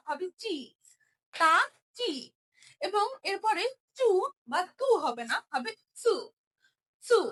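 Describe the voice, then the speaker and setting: A woman's voice: very high voice, bright, forceful tone. A young woman teaching a Japanese writing lesson, explaining each stroke patiently and repeating every sound.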